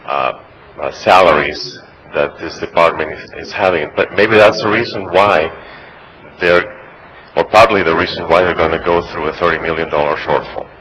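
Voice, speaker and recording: A man's voice: sits low, normal speed, a bit bright, slight background noise, poor audio. A man giving a public comment at a meeting.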